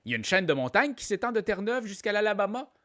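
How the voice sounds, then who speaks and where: Man, Québécois accent, trivia host, live online quiz, playful and jokey, fairly high voice, very animated pitch. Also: fast. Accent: Québécois French. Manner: playful, jokey, repeats each question aloud.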